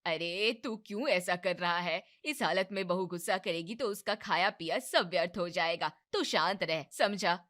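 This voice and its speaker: A woman's voice: lowish voice, moderate pace, hardly any pauses, a bit bright, close to an everyday voice. A woman voicing a bossy but caring older mother-in-law in a cartoon family drama, scolding and commanding.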